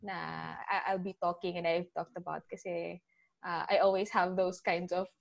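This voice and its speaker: A young woman in her twenties with a Filipino accent, a guest giving chatty big-sister advice and often trailing off softly. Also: lowish voice, flat delivery, normal speed, muffled recording. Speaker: interview guest, older sister. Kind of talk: casual interview mixing English and Tagalog.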